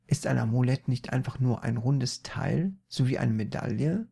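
A man's voice: expressive, moderate pace, vocal fry, slightly rough. Man doing a whiny dim-witted grown man. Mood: indignant. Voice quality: whiny, high and loud. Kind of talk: comic storytelling.

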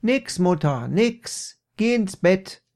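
A dim-witted grown man whines and complains in a raised, high voice, as a male storyteller acts him out. His delivery is indignant and easily wounded, with a rough, gravelly grain under the complaints. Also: normal speed. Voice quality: whiny, high and loud. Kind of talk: comic storytelling.

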